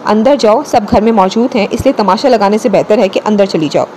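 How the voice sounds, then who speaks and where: A woman's voice: mid-range voice, a little mellow, a little hiss or hum, natural voice. A woman narrator voicing a curt, commanding young husband in an audiobook story. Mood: stern. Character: stern terse young husband.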